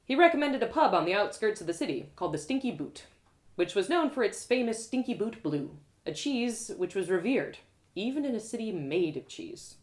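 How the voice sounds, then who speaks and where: As a live storyteller, a woman performs a first-person fantasy tale with expression and dramatic pauses, her voice in the mid range.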